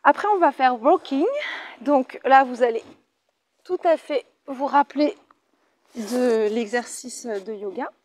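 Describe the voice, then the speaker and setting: A woman's voice: high voice, slow pace, long pauses, a little mellow. A French woman with a French accent leading a Pilates class, cheerful and chatty, counting out the reps. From France. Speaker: Pilates instructor. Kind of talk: guided exercise class.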